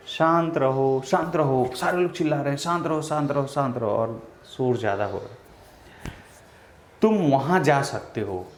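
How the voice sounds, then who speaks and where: A man teaching a grammar lesson, asking questions and answering them himself, acting out example sentences with repeats. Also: mid-range voice. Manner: acts out example sentences with repetition. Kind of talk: classroom-style lesson explaining to students. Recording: echoey room with faint background noise.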